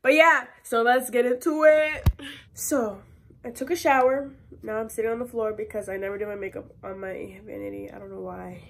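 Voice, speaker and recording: A woman's voice: a little high, steady tone, normal speed, vocal fry, slight background noise, rough recording. A young woman casually chatting to her viewers in a get-ready-with-me vlog, using plenty of fillers, a little stuffy from pollen allergies. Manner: chatty, filler-heavy, addresses viewers as y'all and guys. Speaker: vlogger. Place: at home on the floor, later in her car.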